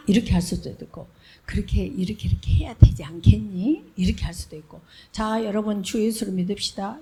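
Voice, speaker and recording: A woman evangelist delivers a midweek sermon in a church. Her voice is warm and mellow, never sharp. She talks to the congregation casually and slips into quoted lines as she teaches. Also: mid-range voice. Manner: conversational preaching, acts out quoted lines.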